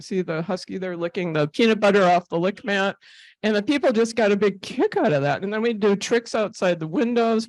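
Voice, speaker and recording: A woman's voice: medium pitch, darkish tone, no room sound. Chatty woman telling stories at a talk. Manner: chatty storyteller, laughs often, many fillers. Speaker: therapy animal volunteer giving a club talk. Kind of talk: casual presentation with slides.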